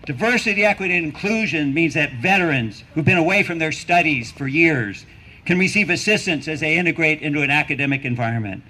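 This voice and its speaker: Man giving an emphatic rally speech, higher-pitched voice. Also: pushed and bright, a little hiss or hum, rough recording. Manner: emphatic, deliberate, with repeated phrases and rhetorical questions. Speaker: university professor speaking at a rally.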